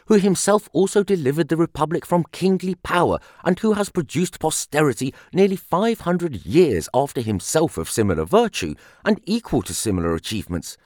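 A man's voice: mid-range voice, no room sound, studio quality. A man reading a scripted ancient speech in the declamatory manner of a Roman orator, posing rhetorical questions. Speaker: audiobook reader of a classical speech.

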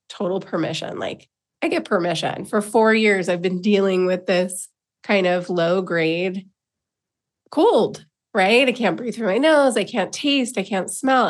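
Speaking in a mid-range voice, a woman hosting a self-help show shares a personal, reflective monologue. Her tone is informal and encouraging toward those listening.

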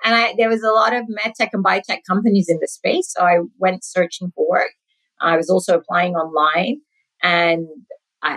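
Recorded roughly, this podcast guest is a woman in her forties from Sudan who speaks with a British accent. Her voice is on the low side yet a bit bright, and the conversational interview is punctuated by frequent laughter.

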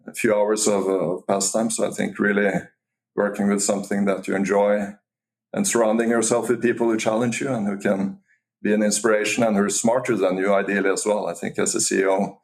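A man from Norway, a company CEO, talking as a guest in a remote interview, measured and often restarting his sentences. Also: fairly low pitch, level tone, gravelly. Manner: measured, with frequent restarts and fillers. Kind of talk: casual interview talk.

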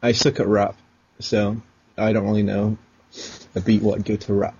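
A man's voice: fairly low pitch, monotone, moderate pace, a little mellow, husky. A man chatting casually with strangers in an easygoing way, often laughing. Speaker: video chat stranger. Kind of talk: casual chat. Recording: dull lo-fi sound with faint noise.

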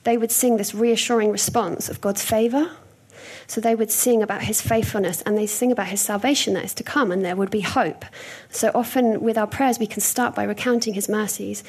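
A woman's voice: mid-range voice, fairly even intonation, a little fast, a little mellow, husky. A young woman preaching a sermon in a conversational, storytelling way, with frequent hesitations.

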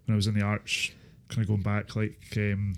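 A Scottish man in his thirties recalling his life in a casual interview, speaking haltingly with repeated filler phrases. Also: on the low side, monotone. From Inverness, Scotland. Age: 30s. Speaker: interview guest, former supported-housing tenant. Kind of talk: casual interview, personal recollection.

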